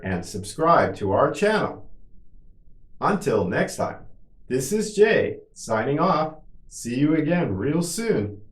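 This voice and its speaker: A man hosting an English lesson, saying each clothing word slowly three times with the last one rising high. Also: echoey room. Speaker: English teacher, channel host. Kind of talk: slow pronunciation drill.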